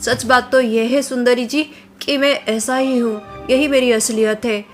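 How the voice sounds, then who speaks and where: A woman's voice: a little high, steady tone, measured pace, soft background music, close to an everyday voice. A woman voicing an earnest young male suitor who speaks candidly.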